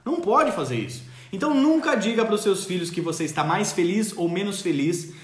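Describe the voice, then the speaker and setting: A man hosts a parenting live stream from a roomy space that leaves a clear echo on his voice. He speaks high and swoops through his pitch, acting out parents and children in an animated way. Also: brisk. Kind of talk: casual live-stream advice.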